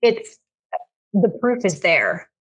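A woman co-host with a slightly husky, mid-pitched voice, talking business in an earnest, emphatic way. She circles back to her main points and repeats them to drive them home. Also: big pitch swings, slow pace, fairly bright tone. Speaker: podcast co-host, business coach. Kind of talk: casual chat.

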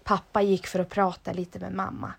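A woman reading a children's story aloud, lively and expressive. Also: fairly low pitch, vocal fry, husky.

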